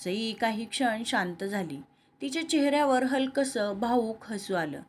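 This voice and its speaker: Woman narrating a romantic story, higher voice. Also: expressive, measured pace, slight background noise. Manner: reads all characters in her own voice. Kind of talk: scripted story narration with dialogue.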